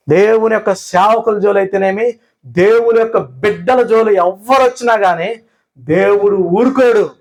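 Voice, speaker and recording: A male pastor delivering a sermon, loud and emphatic, firing rhetorical questions at the congregation. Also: high-pitched. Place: church.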